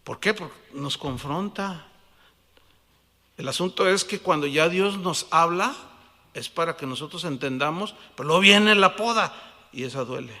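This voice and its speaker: A man with a Mexican Spanish accent preaching a sermon, animated, asking the congregation questions and acting out little dialogues. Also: on the high side, moderate pace, long reverb tail.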